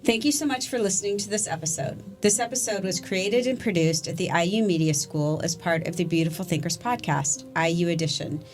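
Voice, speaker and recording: A woman's voice: fairly low pitch, a little fast, few pauses, faint music behind. A woman hosting a podcast interview, wrapping up and reading the closing credits. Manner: warm listening, short affirmations and laughs. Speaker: podcast host.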